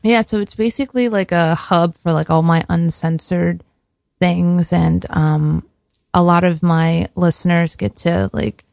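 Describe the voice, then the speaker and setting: A soft-spoken woman guest chats casually in a fairly low voice with plenty of vocal fry. She feels her way through her thoughts a bit self-consciously, and the sound is close and dry. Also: steady tone, unhurried, dry recording. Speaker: podcast guest. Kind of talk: casual conversational interview.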